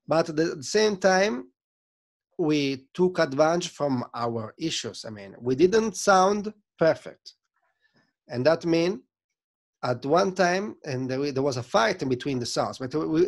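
An animated Italian man with a fairly high voice and some vocal fry appears as a guest, a sound system selector telling stories in a casual interview. He gestures as he speaks and uses non-native phrasing. His desk mic carries the video call from a home studio room with shelves of records.

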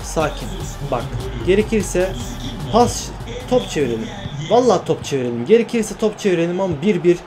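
A man narrating his football video game play in excited, repetitive exclamations. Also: high voice, brisk, music in the background. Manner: exclaiming and repeating phrases. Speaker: gaming YouTuber.

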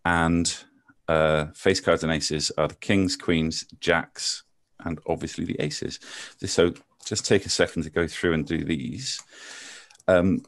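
A man with a soft Bristol accent talks in a deep register, close and dry with almost no room sound. He explains card tricks over a video call in a loose, joking way, poking fun at his own lack of skill. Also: takes it slowly, no room sound. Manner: self-deprecating, jokey, chatty with frequent ums. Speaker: maths teacher performing card tricks. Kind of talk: casual chat and card trick demonstration.

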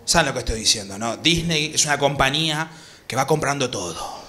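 A man's voice: medium pitch, fairly quick. A young man from Argentina with a Rioplatense accent doing a slangy stand-up set on a comedy club stage, acting out voices as he goes. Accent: Rioplatense Spanish. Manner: animated, slangy, acts out voices. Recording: live club with audience laughter.

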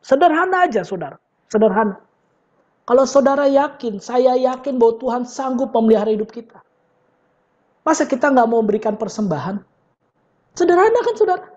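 A woman pastor preaching a conversational, animated sermon in a church and acting out the quotes she tells. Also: a little high, brisk, pauses often, highs cut off.

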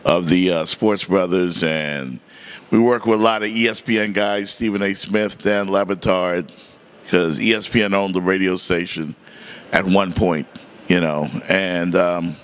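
A middle-aged man, a sports reporter, talking in a casual interview with an easygoing, chuckling manner and drawn-out fillers, into a handheld mic. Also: fairly low pitch, fairly bright tone. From Miami, family from the Bahamas. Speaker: sports reporter and podcast host. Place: bright indoor room by large windows.

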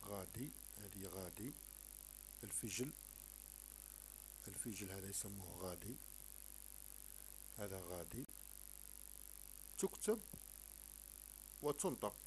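A man's voice: low-pitched, poor audio. Male tutor with an Algerian accent, patient and repetitive, breaking words into letters, faint music behind. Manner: patient, repeats words slowly and sounds out letters. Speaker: teacher. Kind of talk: explaining a French textbook lesson in Arabic.

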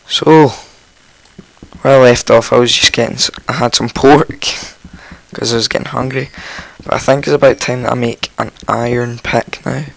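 Croaky just-woken man narrating gameplay. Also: medium pitch, steady tone, measured pace, pauses often, no room sound, poor audio. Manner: rambling, chatty, with frequent ums and self-corrections. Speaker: let's play host. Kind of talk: casual gameplay commentary.

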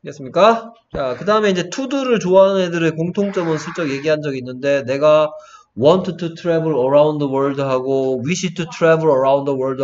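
A man's voice: fairly high pitch, darkish tone. A man teaching English to a class, telling a playful story and often checking in with the students. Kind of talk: classroom lecture with a joking story. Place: echoey classroom. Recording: echoey, distant, dull lo-fi classroom recording.

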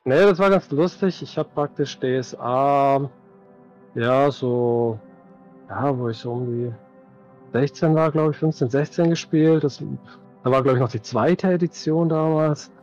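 A middle-aged man, a tabletop game master, chats casually and reflectively as an interview guest on a video call from a room at home, often hedging as he thinks. His mid-range voice is unhurried and darkish, and the headset recording sounds lo-fi with faint music behind.

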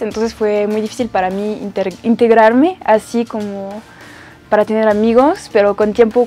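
A young woman from France, an exchange student, tells her story in an interview testimony with simple, searching phrasing and a French accent. Her voice is on the high side but dark in tone. She's recorded on a studio set with a lapel mic.

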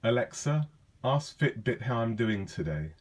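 A man casually demonstrating a voice assistant, talking in a relaxed, chatty way with lots of ums and uhs. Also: medium pitch, measured pace. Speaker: tech vlogger demonstrating a device. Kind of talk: casual spoken demo.

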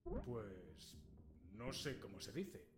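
A sardonic male agent narrating his own game adventure, delivering dry, mocking asides. His mid-height voice moves with lively, animated pitch. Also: drawn-out words, heavily acted. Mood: wry. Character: sarcastic adult male agent, game hero. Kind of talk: video game voice acting.

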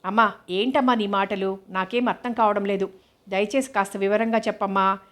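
Woman doing a young adult son, puzzled, wry, questioning, flat pitch, storybook. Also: normal speed, natural voice.

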